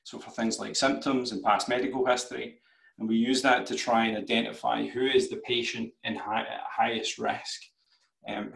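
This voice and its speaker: Scottish man, broad accent, gravelly edge. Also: medium pitch. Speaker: startup CEO presenting. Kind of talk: business pitch presentation. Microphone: video call. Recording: roomy video-call sound.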